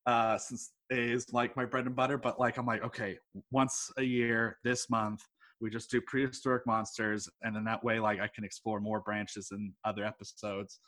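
Speaking as a guest on a podcast, a twenty-something man from Texas who hosts a film podcast rambles enthusiastically, peppering his talk with "like" and "uh." His lowish voice has a flat delivery, a moderate pace, and a fairly bright tone.

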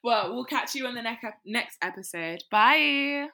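A woman's voice: fairly high pitch, animated, a little slow, sharp tone. A British woman hosting a casual podcast, chatting in a slangy, emphatic way. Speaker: podcast host. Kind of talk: casual chat.

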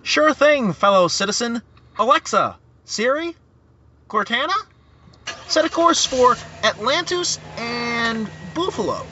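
A man's voice: lively intonation, takes it slowly, pushed and bright, muffled recording, a little hiss or hum, full character voice. A man doing manic multiverse showman Sam Spellingbound. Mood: showy. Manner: exuberant showman, wild jumps in pitch, rhyming patter. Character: eccentric male street performer from another universe, manic and pushy.

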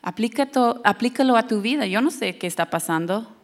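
A young woman preaching a sermon, moving between Spanish and English, joking and laughing, now shouting, now hushed. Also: a little high, fairly quick. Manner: expressive, shouts and drops to hushed tones for emphasis. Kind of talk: bilingual sermon.

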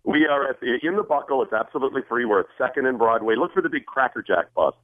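A man with a husky voice, a morning radio co-host, calling in and teasing the host with dry humor. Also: medium pitch, animated, fast, no room sound. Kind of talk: casual chat over the phone. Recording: tinny phone line.

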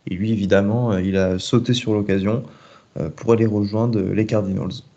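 A man co-hosting a casual podcast, explaining things in a steady way. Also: lowish voice, normal speed, highs cut off. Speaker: podcast co-host.

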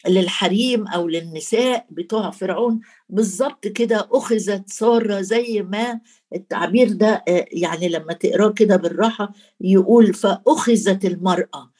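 A woman's voice: mid-range voice, mellow. Egyptian woman preaching a Bible sermon. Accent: Egyptian Arabic. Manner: colloquial, addresses listeners directly; quotes scripture in formal Arabic.

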